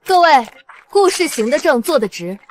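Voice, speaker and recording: A woman's voice: high voice, sing-song, normal speed, a little hiss or hum. An actress playing a resolute young woman who runs a company and gives decisive, urgent orders. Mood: confident. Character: resolute young female company president, the wife.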